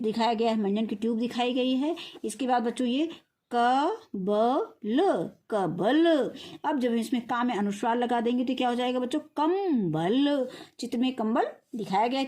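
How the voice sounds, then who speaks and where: A primary school teacher with a fairly high, darkish voice gives a recorded reading lesson for young children. She spells words out slowly, syllable by syllable, and poses questions that she then answers herself.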